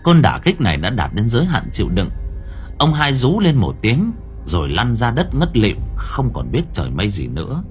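A man's voice: medium pitch, huge pitch swings, moderate pace, soft background music. A man reading a horror story aloud as an audiobook narrator, with dramatic, suspenseful delivery.

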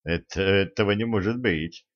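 Man reading as a stubborn sorcerer, disbelieving, exasperated, low-ish voice, dull lo-fi sound. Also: normal speed, lightly acted. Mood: incredulous. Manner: incredulous, exasperated protests. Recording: dull lo-fi recording.

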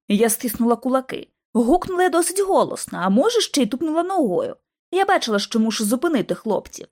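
A woman reading an audiobook narration in an expressive, dramatic manner. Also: high-pitched. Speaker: audiobook reader.

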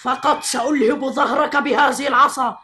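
A woman's voice: high voice, steady tone, moderate pace, sharp tone, a little hiss or hum. Woman playing a mocking mischievous boy. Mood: taunting. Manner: teasing, mocking, gloating laughter. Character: mischievous taunting boy, Cain as a child. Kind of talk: radio drama acting.

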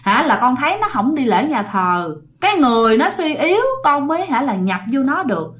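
A dead young soldier's ghost, blunt and scolding as he speaks through the man he has taken over, voiced by a woman. The voice sits a little high. It is pitched as a spoken ghost story. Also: big pitch swings, brisk, fairly bright tone. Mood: pleading. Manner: blunt, scolding, rough-talking.

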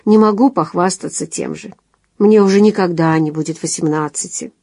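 Wry, evasive young man voiced by a woman narrator, mellow and understated. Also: on the low side, moderate pace, creaky, no room sound. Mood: ironic. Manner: ironic, dry understatement. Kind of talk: audiobook dialogue reading.

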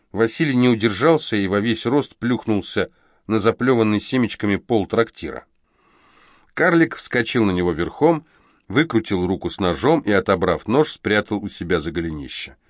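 A man reading a novel aloud as audiobook narrator in a steady, even storytelling manner. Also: fairly low pitch, dry recording, clean studio sound. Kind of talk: scripted narration.

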